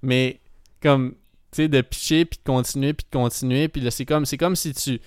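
Rambling Québécois guy, smooth voice. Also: medium pitch, fairly even intonation, moderate pace, no echo, clean studio sound. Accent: Québécois French. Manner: rambling storytelling, full of fillers, mixes in English words. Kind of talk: casual chat.

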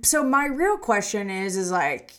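A woman co-hosting a podcast, talking in a chatty, animated way with lots of filler words. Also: mid-range voice, a little slow. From Southwest Arkansas. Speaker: podcast co-host. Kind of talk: casual chat.

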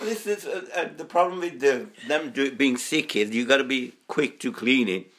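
A man's voice: mid-range voice, moderate pace, a bit bright. Hesitant man chatting casually. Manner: hesitant, many fillers and restarts. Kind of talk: casual chat.

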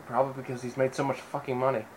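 A man co-hosting a casual podcast, blunt and sarcastic, dropping profanity freely. His voice sits at an ordinary middle pitch. There is a faint hiss of room ambience behind him. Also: little pitch movement, racing, rough recording. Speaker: podcast co-host. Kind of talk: casual chat.

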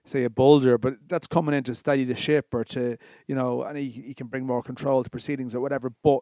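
A man's voice: medium pitch, level tone, fast, warm tone, dry recording, studio quality. An Irish man hosting a casual sports podcast, chatting in a bantering, teasing way. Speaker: podcast host.

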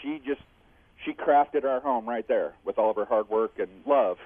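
A man speaks to a radio host over the phone, his voice squeezed through a thin, tinny line with no room sound around it. His pitch sits in a middle range. He talks in a reflective, heartfelt way, with small chuckles between his thoughts. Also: normal speed, dry recording. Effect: heard over the phone. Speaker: radio caller. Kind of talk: call-in chat.

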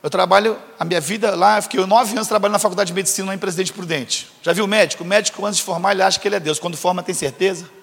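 A pastor delivers a comic sermon, his raised voice ringing through a long, reverberant church hall. He talks at a brisk clip and slips into the voices of the people in his stories. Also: sits high, fairly even intonation, gravelly, a bit bright. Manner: acts out dialogue, teasing congregation with jokes. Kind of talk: humorous storytelling sermon.

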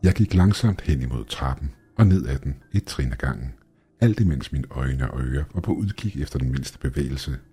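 A man reading a scripted horror story aloud, with tense, measured storytelling. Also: extremely low pitch, animated, warm tone, breathy edge, soft background music. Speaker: horror podcast narrator.

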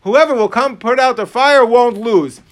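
A high-voiced American man gives a class on religious law as a rabbi. His speech has a yeshiva manner, sprinkled with Yiddish and Hebrew terms. He gets animated, playing both sides of imagined conversations. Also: normal speed. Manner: animated, acting out hypothetical dialogues. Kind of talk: religious law lecture with questions from students.

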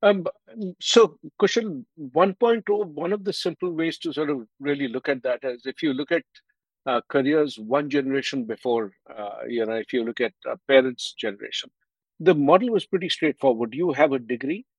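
Measured Indian man explaining careers. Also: mid-range voice, husky, no echo, muffled recording. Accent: Indian English. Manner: measured, explanatory, with frequent fillers. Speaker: author and guest. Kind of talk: explanatory interview answers.

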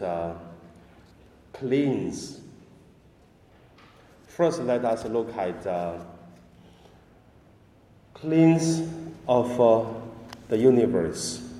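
A man preaches as a priest in a big echoing space like a cathedral. He is a non-native English speaker with a slow, halting, deliberate delivery. His tone is soft-edged and mellow, trailing long reverb. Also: mid-range voice. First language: not English. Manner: halting, simple deliberate phrasing. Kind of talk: slow liturgical reading and sermon. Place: large reverberant indoor space. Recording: echoey church-like hall, long reverb.

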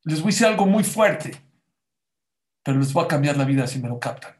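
A man's voice: on the high side, animated, fairly quick. A man preaching a Torah sermon, emphatic and questioning his listeners directly, with Hebrew religious terms mixed in. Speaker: rabbi teaching a Torah class. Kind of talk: Spanish-language Torah sermon. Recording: roomy echo.

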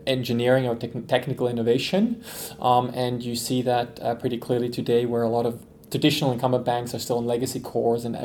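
A man from Switzerland, a company executive, giving relaxed, thoughtful interview answers on a podcast. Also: mid-range voice, slight background noise.

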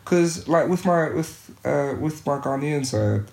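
A young British youth worker, appearing as a podcast guest, talks reflectively in a casual interview, full of restarts and fillers. His voice is fairly high with lively intonation, a little slow, gravelly and darkish in tone. The room is echoey.

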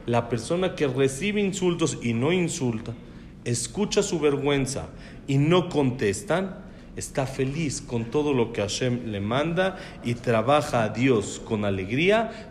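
A man's voice: mid-range voice, slight background noise. A man giving a conversational religious lecture and asking his students questions along the way. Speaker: religious teacher.

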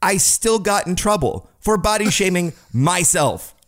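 A man's voice: high voice, animated, unhurried, a bit bright. A young man co-hosting a podcast, chatting casually and joking at his own expense. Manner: self-deprecating, joking. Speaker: podcast co-host.

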